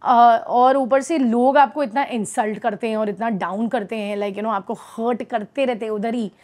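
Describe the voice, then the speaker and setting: An Indian-accented actress in her thirties chats bubbly in a casual interview, mixing Hindi with English. Her fairly high voice is a little mellow and steady in tone, at normal speed.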